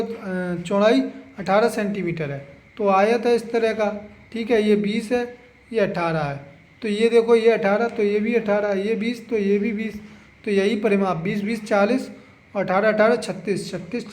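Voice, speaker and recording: High-voiced man drilling exam answers. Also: steady tone, moderate pace, a little mellow. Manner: drills answers, repeats "है ना?" and urges memorizing. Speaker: exam-prep teacher. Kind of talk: exam revision lesson.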